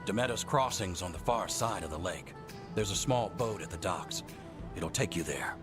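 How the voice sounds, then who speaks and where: An actor playing a solemn male ally in a video game cutscene, speaking in a measured way over music. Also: low-pitched, animated.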